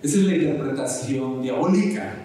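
Male preacher, exhorting sermon delivery, mellow tone, heard from a distance in a roomy space. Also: medium pitch, a little fast. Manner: earnest, exhorting, repetitive emphasis. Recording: echoey room, voice from mic distance.

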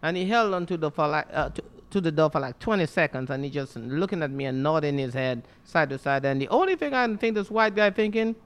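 Man, Caribbean accent, barber, high lively voice, casual storytelling. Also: a little fast, hardly any pauses, smooth. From Saint Lucia. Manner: animated, laughing storyteller.

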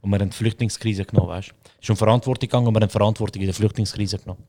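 A man's voice: on the low side, steady tone, racing, dark tone. Slangy young man telling a story. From Switzerland. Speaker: podcast co-host. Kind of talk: casual chat.

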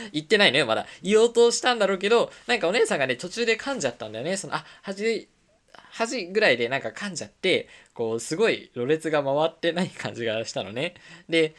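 A young adult woman hosting her own talk radio show, telling stories casually and acting out the lines of people she met. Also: on the low side. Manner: animated storytelling, acting out quoted lines.

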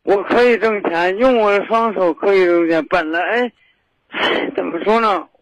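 A man calling an advice show, talking earnestly and haltingly and often asking if he is understood. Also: high voice, lo-fi sound. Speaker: caller. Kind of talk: call-in advice talk.

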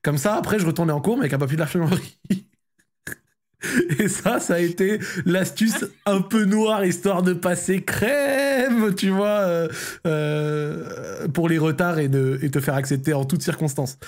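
A man's voice: high voice, measured pace. A young man hosting a casual live stream, telling stories with slang and frequent laughter. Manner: laughing often, slangy, storytelling. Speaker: streamer and host.

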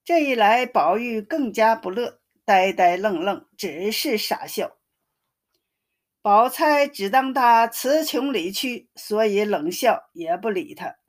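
A woman narrating a classic novel as a storyteller, in a steady, even reading voice. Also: medium pitch, slow.

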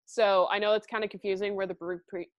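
A woman's voice: mid-range voice, flat delivery, quick pace, no room sound, dull audio. A woman co-hosting a podcast in casual, informal banter, swearing freely. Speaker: podcast co-host.

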